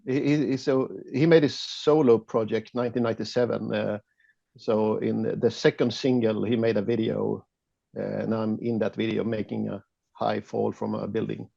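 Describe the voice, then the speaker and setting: Gravelly Swedish-accented man, lo-fi audio. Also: fairly low pitch, level tone, normal speed, dark tone, no room sound. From Sweden. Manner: hesitant, many fillers and restarts, laughs often. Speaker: guest photographer. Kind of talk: casual interview chat.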